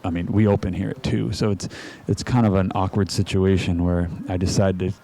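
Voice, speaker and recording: A man's voice: low voice, level tone, normal speed, creaky, warm tone. A man hosting a live stream, chatting casually and rambling with fillers. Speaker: host and venue owner.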